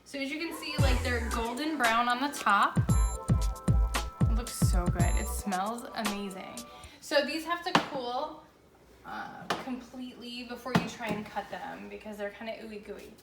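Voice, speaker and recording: Over loud music, a home baking show host talks in an unhurried, somewhat high voice. She's chatty, informal and upbeat while demonstrating in an indoor kitchen, captured clearly but with room echo and a distant microphone.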